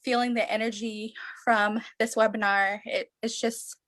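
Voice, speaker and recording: A woman joins a video call and gushes with gratitude. Her voice sits a little high, and the sound is dry and close. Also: level tone, unhurried, a bit bright, no room sound. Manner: grateful, gushing. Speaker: webinar participant.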